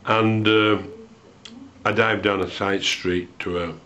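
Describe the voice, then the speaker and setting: A man recalls an old memory in a low, unhurried voice, pausing often and slipping in dry, wry asides. The recording is dull and lo-fi, with the top end muffled. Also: steady tone, sharp tone. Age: 60s. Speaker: storyteller recalling a student memory. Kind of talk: unscripted spoken memoir.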